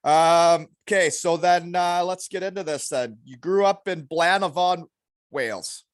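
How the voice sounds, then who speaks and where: A man's voice: a little high, a little slow, clear, resonant tone, no room sound, clean studio sound. A middle-aged man hosting a podcast in casual chat, with an informal, blunt, encouraging way of talking. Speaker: podcast host, former hockey player.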